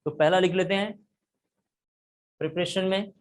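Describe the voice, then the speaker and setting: A man's voice: sits high, fairly even intonation, normal speed. A man teaching a chemistry class, explaining step by step and repeating key points. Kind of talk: classroom lecture.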